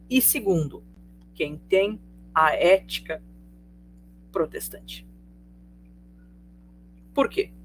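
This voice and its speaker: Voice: mid-range voice, a little hiss or hum. A sociology teacher with a Brazilian accent giving a live online class in a chatty way. The teacher keeps asking the students questions and checking in with them. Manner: conversational, asks students rhetorical questions, tags sentences with "tá?".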